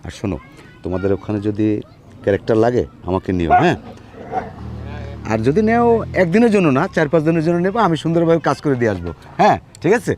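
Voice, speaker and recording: A man's voice: a little high, sing-song, fast talker, darkish tone, slight background noise. A man playing an eager, friendly older uncle actor who coaxes and keeps repeating himself. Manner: coaxing, repeating "yes, okay".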